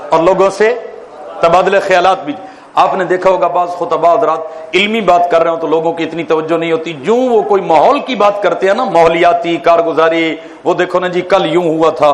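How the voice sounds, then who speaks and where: A man, a mufti, giving an animated classroom lecture on public speaking, quizzing his listeners and telling jokes. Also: on the high side. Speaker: mufti teaching a course. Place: lecture hall.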